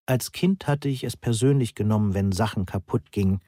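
A man reading a novel aloud in the first person in an even, measured way. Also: lowish voice, no room sound, studio quality. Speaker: audiobook narrator.

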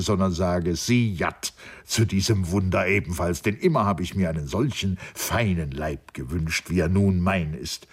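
Earnest, measured young friend making his claim, as a male reader voices him; husky and low. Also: full character voice. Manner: measured, argumentative. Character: reasoning young man, newly bodied friend.

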